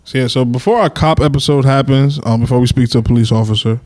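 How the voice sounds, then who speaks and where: A man's voice: mid-range voice, fast, darkish tone. A man hosting a casual podcast chat, steering the group between jokes and earnest points. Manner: steers the talk, joking then earnest. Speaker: podcast host.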